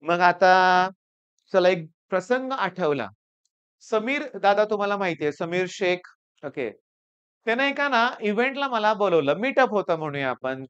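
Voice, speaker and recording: A male teacher from Maharashtra giving advice to students through lively storytelling, acting out the people he quotes. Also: sits high, clear, resonant tone, dull audio. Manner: animated storytelling, acts out quoted students and seniors.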